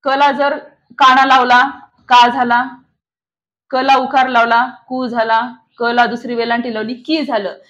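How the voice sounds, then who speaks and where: A woman's voice: on the high side, little pitch movement, measured pace, a bit bright, lo-fi sound. A woman teaching a shorthand lesson to a classroom, asking the class questions and answering them herself. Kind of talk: classroom lecture. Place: classroom with online students.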